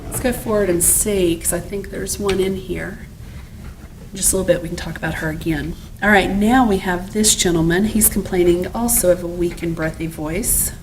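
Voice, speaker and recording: Woman lecturing, lowish voice, chatty, keeps asking the class stuff, faint noise. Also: steady tone, moderate pace, darkish tone, rough recording. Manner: chatty, asks the audience questions. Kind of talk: recorded lecture.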